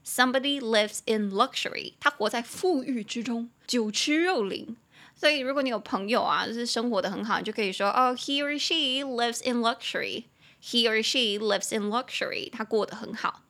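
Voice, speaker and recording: With a slightly high voice, a young woman hosts an easygoing podcast that teaches English. She defines words and spells them letter by letter at a slow pace, clearly entertained by her own lively delivery.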